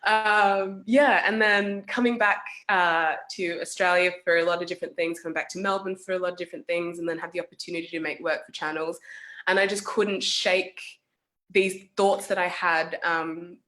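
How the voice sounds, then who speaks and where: A young adult woman from South Sudan, an artist, speaking thoughtfully in a casual talk with many pauses and fillers over a video call. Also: fairly low pitch, steady tone, fairly bright tone.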